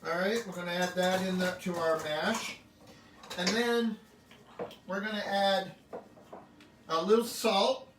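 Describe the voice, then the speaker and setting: A man talks through a home cooking demonstration in a friendly, joking way. His voice sits fairly high for a man. He is picked up from some distance in an echoey home kitchen with a faint hum of noise behind him. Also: fairly even intonation, measured pace, long pauses. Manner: chatty and upbeat, jokes with the camera operator. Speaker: home cooking show host.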